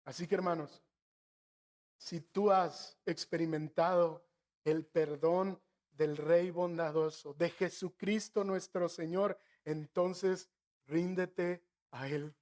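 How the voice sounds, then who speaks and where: A middle-aged man with a northern Mexican accent preaching a sermon, telling stories with asides to the congregation and slowing down to stress key phrases. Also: on the high side, steady tone, a little mellow. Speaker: pastor.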